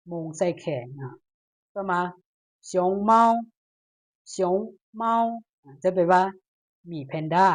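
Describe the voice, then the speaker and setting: Slow Lao-accented woman teaching Chinese. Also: fairly low pitch. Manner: slow, repeats each word, reads Chinese aloud brighter and louder. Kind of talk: language lesson.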